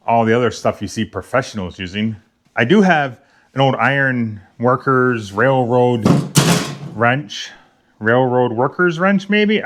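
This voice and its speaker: A man's voice: mid-range voice, a bit bright. A man hosting his own garage vlog, talking casually to himself and the viewers while he works, with self-deprecating jokes and muttered asides. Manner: muttering asides, sometimes whispering. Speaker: garage channel host.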